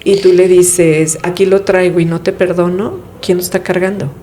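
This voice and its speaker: A woman with a lowish, mellow voice speaks as an interview guest. She explains ideas in a calm, reflective way and poses rhetorical questions. A faint hiss sits under her voice. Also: normal speed. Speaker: guest speaking on family therapy. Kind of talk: conversational interview.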